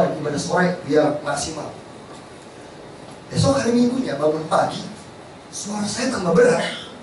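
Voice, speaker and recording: A man preaching a sermon to a congregation, telling stories in a lively, conversational way. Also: on the high side. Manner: lively storytelling, addresses congregation as Bapak Ibu. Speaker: pastor. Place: large church hall. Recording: echoey hall, distant mic, background noise.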